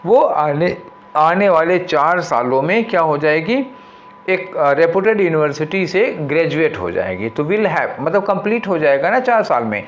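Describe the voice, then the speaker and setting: A male English teacher walking through an exam paper, explaining in Hindi, reading the English options slowly and asking rhetorical questions as he goes. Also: a little high, big pitch swings, lo-fi sound. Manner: conversational, asks rhetorical questions. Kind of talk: exam paper walkthrough lesson.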